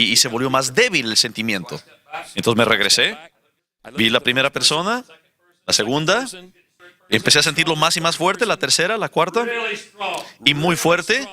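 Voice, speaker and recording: A man interpreting a sermon, telling a healing story in an animated way with light laughs. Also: a little high. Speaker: interpreter of a preacher. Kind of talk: sermon testimony.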